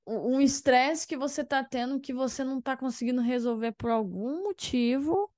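A woman's voice: sits high, normal speed, darkish tone, no echo, studio quality. A woman hosting a casual interview, talking in a supportive, conversational way. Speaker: host, teacher.

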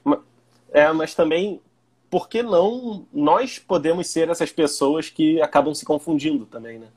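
Young brazilian guy, husky, kinda high voice, super laid-back chat. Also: measured pace. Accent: Brazilian Portuguese. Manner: relaxed, laid-back, lots of slang fillers. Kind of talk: casual conversation.

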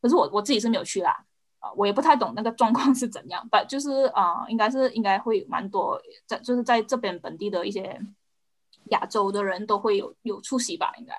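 A woman's voice: medium pitch, fast. A woman in a casual discussion, searching for words and dropping English into her Mandarin. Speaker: podcast co-host.

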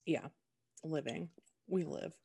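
A woman's voice: deep voice, slow pace, vocal fry, dark tone, slightly rough, no room sound. A woman co-hosting a podcast in casual chat, chatty with wry, dry asides. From Florida. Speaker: podcast co-host.

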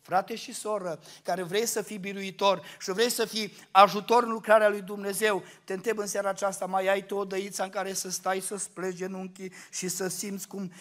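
A man preaching a fervent Pentecostal sermon as a guest preacher at a church service, swinging from hushed pleading to shouting. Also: high voice, flat delivery, hardly any pauses.

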